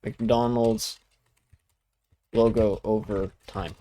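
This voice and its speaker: A young man hosts a casual livestream in a warm, lowish voice, flat and extremely slow. He reacts to what he reads on screen in a rambling, profane way, with plenty of fillers and bursts of laughter.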